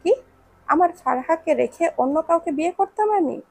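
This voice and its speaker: A woman's voice: very high-pitched, animated, moderate pace, creaky, darkish tone, no room sound, pitched above the performer's own voice, heavily acted. A woman voicing a nosy, teasing young man in a read-aloud romance story, chatty and full of questions.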